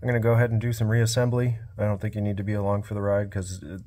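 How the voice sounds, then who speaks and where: A small-engine repair vlogger with a fairly low male voice narrates a repair in a quiet, understated, mostly monotone way. He seems to be at his workbench filming on a cell phone, relaxed and in no hurry, with a casual workshop feel.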